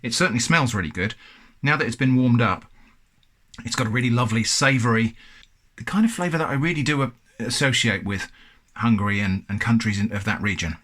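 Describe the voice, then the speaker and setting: A man's voice: mid-range voice, brisk, fairly bright tone. An English man hosting a casual food review, chatty and thoughtful with a self-deprecating touch.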